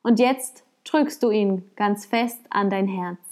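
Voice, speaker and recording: A calm, sly old sage from a spoken folk tale, voiced by a woman. He explains things plainly and without hurry. His tone stays even and sure. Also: mid-range voice, slow, close to an everyday voice.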